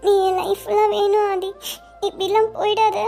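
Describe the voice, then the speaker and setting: A woman voicing a tearful, clingy teenage schoolgirl in love, in an animated web series. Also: extremely high pitch, moderate pace, creaky, soft background music. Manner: weepy, pleading.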